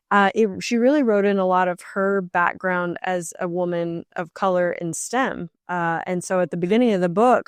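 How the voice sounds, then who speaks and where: A young woman co-hosts a casual book podcast, rambling along with plenty of fillers. Her voice is smooth and a little low. The sound is dry and close, with no room echo. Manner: chatty, rambling with many fillers. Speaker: podcast co-host.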